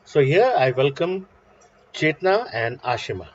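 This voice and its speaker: A man's voice: medium pitch, sing-song, a little slow. Brief: male moderator reading introductions, formal, muffled video-call audio.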